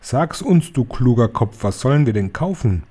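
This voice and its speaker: A man reading a story aloud, voicing a crowd of excited female witches who cheer shrilly in chorus. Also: medium pitch, moderate pace. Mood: fawning.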